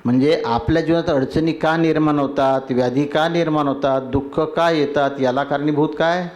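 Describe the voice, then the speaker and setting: A man's voice: on the high side, fairly even intonation, normal speed, a little mellow, muffled recording. A man, a spiritual teacher giving a devotional sermon. He lists terms in rhythmic runs and keeps asking his listeners whether they agree. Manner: asks the audience for agreement.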